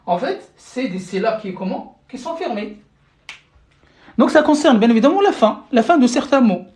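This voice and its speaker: A language teacher runs a live-streamed lesson in a medium-pitched, animated voice with a slightly dark tone, speaking at a normal speed. She patiently walks through each step, checks in with viewers, and often restarts and repeats words. The mic sits at a distance, so the sound is roomy.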